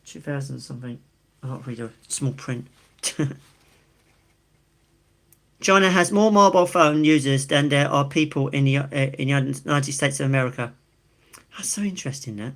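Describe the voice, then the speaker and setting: A live stream host with an Essex, England accent and a medium-pitched, slightly bright voice casually reads things out. He reacts to each fact with amused, chatty, informal asides.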